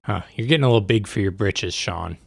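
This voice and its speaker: A man's voice: fairly low pitch, brisk, gravelly, breathy edge, no room sound, studio quality. A man co-hosting a podcast, chatting casually in a playful, teasing way. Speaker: podcast co-host.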